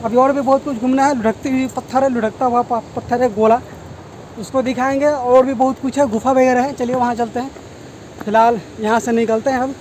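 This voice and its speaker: A man's voice: very high voice, steady tone, darkish tone, low-quality recording. A man narrating a travel vlog outdoors, chatting as he shows viewers around a waterfall. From India. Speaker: vlogger. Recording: outdoor noise, rushing water.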